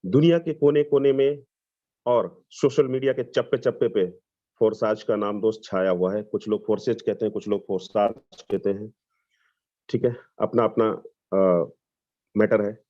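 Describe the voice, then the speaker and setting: A man from Lucknow, giving an enthusiastic sales pitch on a video call and mixing in English phrases. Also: steady tone, normal speed, dark tone. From Lucknow, Uttar Pradesh, India. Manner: enthusiastic, persuasive, mixes English phrases, repeats "dost". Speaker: webinar presenter. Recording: dull lo-fi video call audio.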